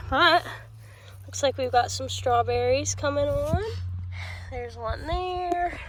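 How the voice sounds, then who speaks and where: A high-voiced young woman chats out in her garden, walking through what she's doing in a loose, rambling way full of ums. She's recorded on a camera mic outdoors with faint noise in the background. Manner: chatty, rambling, with many ums and sos. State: out of breath and sweaty. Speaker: vlogger. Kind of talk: casual garden vlog.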